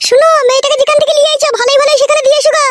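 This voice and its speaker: A woman's voice: very high-pitched, little pitch movement, very fast. A woman voicing a nagging, scolding middle-aged mother-in-law in a comedy cartoon. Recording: noisy recording.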